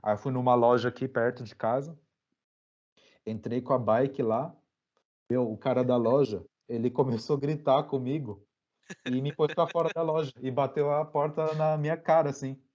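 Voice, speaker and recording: A man's voice: mid-range voice, moderate pace, muffled recording. Slangy Brazilian man telling a story. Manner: relaxed slangy storytelling with many fillers. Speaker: podcast guest. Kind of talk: casual storytelling interview.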